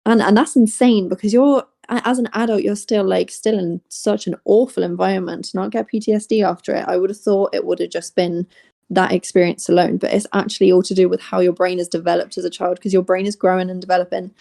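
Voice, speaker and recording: A woman guesting on a podcast as a psychology student. Her voice is gravelly with vocal fry and keeps to a narrow pitch range. She talks in a chatty, casual way, packing her sentences with fillers. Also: steady tone, fast, warm tone. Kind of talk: casual conversation.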